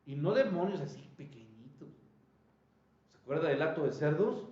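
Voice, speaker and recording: A man preaching a sermon, animated, calling out questions to his congregation. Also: fairly high pitch, normal speed, echoey room, dull audio. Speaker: pastor. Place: church.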